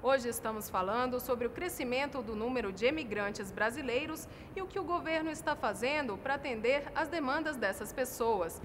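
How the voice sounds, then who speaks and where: A woman with a Brazilian accent, presenting a TV program in a clear, formal, scripted way. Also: sits high, moderate pace, few pauses, long reverb tail, background noise. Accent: Brazilian Portuguese. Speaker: TV host.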